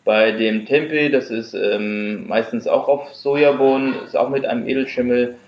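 A man's voice: medium pitch, steady tone, moderate pace. A man, the guest on an interview podcast, explaining his craft in his workshop with occasional fillers. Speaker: guest, fermentation producer. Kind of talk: casual interview. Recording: echoey room, dull lo-fi sound.

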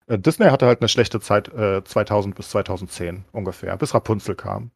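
Fast-talking lower-voiced man explaining. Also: gravelly, dry recording, studio quality. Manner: explaining at length like a lecture, filler words. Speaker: podcast co-host. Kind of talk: casual chat.

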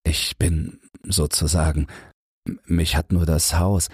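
A shy, politely awkward gentleman, played by a narrator, stammering and breaking off his words. The voice is very deep and husky, spoken slowly and close in a dry room. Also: level tone, no room sound, exaggerated voice. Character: shy, embarrassed, politely hesitant man.

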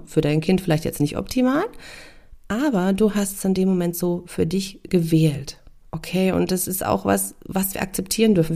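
Gravelly low-voiced woman podcaster. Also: dark tone. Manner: checks in with the listener with frequent "ja?". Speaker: parenting podcast host. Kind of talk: conversational podcast monologue.

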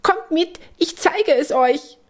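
Tiny church mouse, very high and excited, storybook reading. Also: female voice, slow. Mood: urgent. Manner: urgent, breathless chatter.

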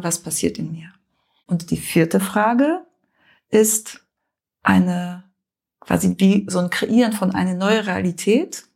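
A woman coach with a gravelly, slightly husky voice walks through her method in calm, measured steps. She speaks in short phrases with frequent pauses, explaining rather than performing. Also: mid-range voice. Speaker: coach and mediator.

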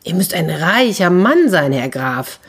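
A woman's voice: lowish voice, big pitch swings, measured pace, slightly rough, heavily acted. A woman storyteller voicing a polite fairy-tale king who marvels at another man's great lands. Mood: wondering. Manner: polite, wondering. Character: amazed fairy-tale king, genteel and curious.

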